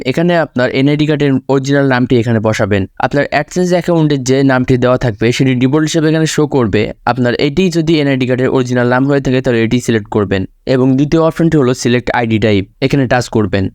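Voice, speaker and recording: A man talks the viewer through a phone tutorial, one step after another, at a very fast clip. His voice is dry and close to the mic. His pitch sits in an ordinary middle range. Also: a little mellow, dry recording. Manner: step-by-step instructive, addresses viewer directly. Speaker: tutorial host. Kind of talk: screen-recorded tutorial narration.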